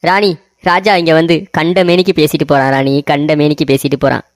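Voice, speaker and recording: A woman's voice: low-pitched, a little fast, no echo, studio quality. A woman voicing a self-pitying male army commander who whines and laments in a cartoon story. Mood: lamenting. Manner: whining, lamenting.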